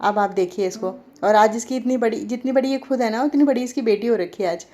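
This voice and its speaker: A woman's voice: on the high side, fairly quick, warm tone. A woman in her forties from Delhi, chatting casually over old home video footage and talking straight to her viewers. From Delhi, India. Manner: chatty, talks straight to viewers and asks them questions. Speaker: vlogger.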